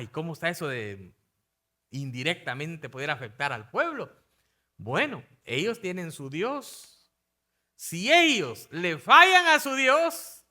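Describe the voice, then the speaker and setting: A man's voice: high-pitched, bright, forceful tone. A man preaching a sermon, retelling a story in a chatty, conversational way, acting out the speakers' lines and often asking his listeners questions. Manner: conversational, asks the congregation often. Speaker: pastor.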